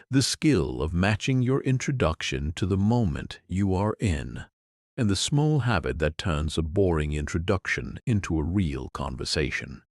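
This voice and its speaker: In Europe, a man with a very low voice delivers a scripted English lesson to the camera, explaining each point patiently and clearly. His pitch rises and falls freely, and the sound is close and dry with no room echo.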